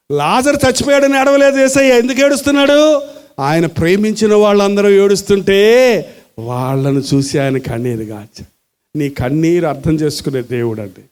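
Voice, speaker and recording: A man's voice: high voice, a little mellow. An older man preaching a sermon, pleading and acting out little scenes in quoted voices. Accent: Telugu. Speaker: pastor.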